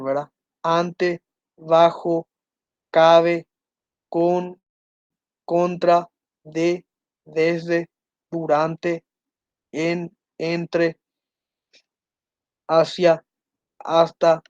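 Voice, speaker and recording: A man teaches a grammar class in a fairly high, level voice that barely rises or falls. He slows down to spell out correct and incorrect phrasings and keeps checking in with his students. The sound is dry and a little dull, with no room echo. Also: darkish tone. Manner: often checks in with listeners, asking ¿verdad?. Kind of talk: online grammar lesson.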